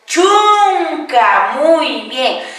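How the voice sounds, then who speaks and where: A woman with a high voice teaches a class, speaking very slowly and stretching out each word. She patiently asks questions and answers them herself. Her voice rings through an echoey room, picked up from some distance away. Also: big pitch swings, a bit bright. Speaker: Quechua teacher. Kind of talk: classroom-style language lesson, question and answer.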